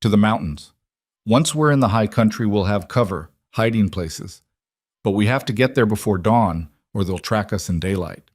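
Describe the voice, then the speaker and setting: A man's voice: fairly low pitch, animated, moderate pace, no room sound, clean studio sound. Man doing a firm, protective cowboy. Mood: urgent. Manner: firm, clipped and commanding.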